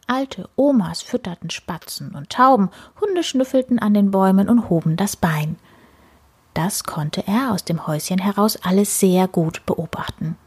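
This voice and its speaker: A woman softly whispering a children's story as narrator, in a hushed, gentle way. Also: medium pitch, slightly rough. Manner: soft, hushed.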